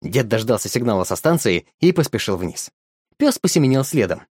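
A man narrating a storybook in a lively, expressive reading. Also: mid-range voice, fairly quick, slightly rough, dry recording, studio quality.

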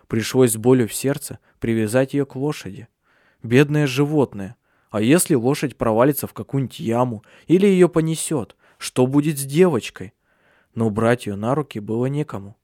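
Expressive male audiobook narrator. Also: mid-range voice, no echo, studio quality. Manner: expressive, measured reading.

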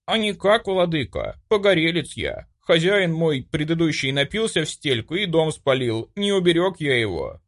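A man's voice: fairly high pitch, sing-song, moderate pace, hardly any pauses, voice pushed up. A man voicing a small male house spirit in an audiobook, humble and old-fashioned in speech. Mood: mournful.

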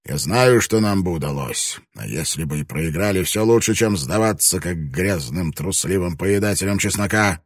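A male reader voicing a furious, bullying samurai lord who barks and shouts his lines in an audiobook. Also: low-pitched, animated, moderate pace, hardly any pauses, dry recording, clean studio sound. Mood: scheming, harsh. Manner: barking, bullying, explosive shouting. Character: furious proud samurai lord, middle-aged man. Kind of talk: audiobook character reading.

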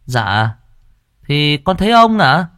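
A man's voice: on the high side, sing-song, slow pace, soft background music, pitched above the performer's own voice. A man voicing a timid, dim-witted young servant, humble and dazed. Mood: meek.

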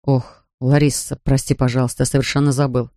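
A woman reading an audiobook, voicing an embarrassed man who speaks low and soothingly. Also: flat delivery, fairly quick, dark tone, no room sound, clean studio sound, close to an everyday voice. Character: embarrassed man calming his drunk date.

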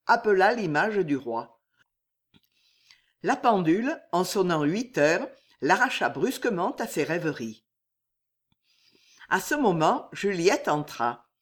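Slow, expressive woman reading a novel. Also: lowish voice. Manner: measured, expressive. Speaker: audiobook reader. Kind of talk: read novel narration.

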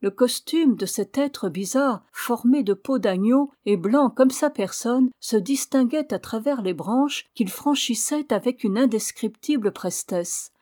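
A woman's voice: fairly high pitch, a little slow, hardly any pauses, dark tone. Woman narrating a classic novel. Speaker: audiobook reader.

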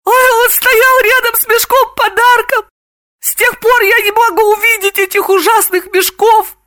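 A woman's voice: very high voice, fairly even intonation, unhurried, sharp tone, dry recording, studio quality, voice pushed up, exaggerated voice. A woman voicing a hysterical young woman who cries and shrieks in frantic outbursts. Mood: sobbing. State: crying.

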